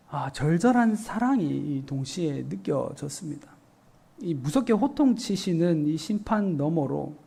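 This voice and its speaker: A male pastor giving an earnest, explanatory evening sermon, often pausing with short fillers. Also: fairly high pitch, creaky, warm tone. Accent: Korean.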